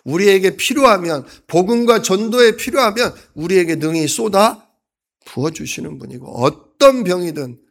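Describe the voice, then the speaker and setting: A male pastor preaching a sermon, acting out quoted lines with sudden loud outbursts and then dropping to a soft voice. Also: sits high, animated, normal speed, gravelly. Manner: dramatic, acts out quotes with sudden loud bursts.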